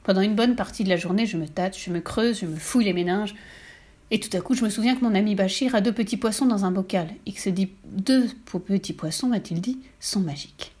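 Expressive woman reading a story aloud. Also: mid-range voice, a little fast, husky. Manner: expressive and lively, with put-on voices for the characters. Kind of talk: storybook reading in the first person.

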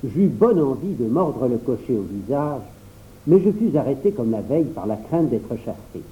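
A man narrating a storybook in the first person, expressive and voicing every character. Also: medium pitch, moderate pace. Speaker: audiobook reader. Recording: tinny phone-like recording.

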